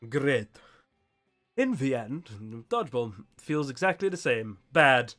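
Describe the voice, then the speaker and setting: A man hosting a group game stream, chatting casually and reading aloud in a jokey, animated way. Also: medium pitch, slow. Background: faint music.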